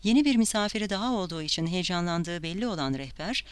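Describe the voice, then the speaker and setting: A steady audiobook reader with a smooth, resonant voice at an ordinary pitch, reading in a measured way. The sound is close and dry, with no room echo. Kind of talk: audiobook narration.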